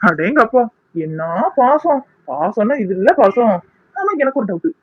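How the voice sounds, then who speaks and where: A man's voice: extremely high pitch, very animated, unhurried, husky, dry recording, phone-quality sound, full character voice. A man voicing a young man in a cartoon, a spurned ex-lover who is mocking, sarcastic and scheming.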